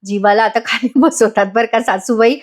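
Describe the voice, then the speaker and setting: Woman reviewer, chatty recap voice-over, higher pitch. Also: steady tone, normal speed. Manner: chatty, addresses the audience. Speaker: episode reviewer.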